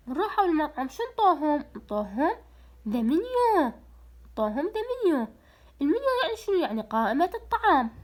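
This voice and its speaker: A young woman with an Iraqi Arabic accent teaching a recorded English lesson for young pupils. She explains in Arabic, says the English words slowly and clearly, and asks the children questions. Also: high voice. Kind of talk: recorded primary school lesson.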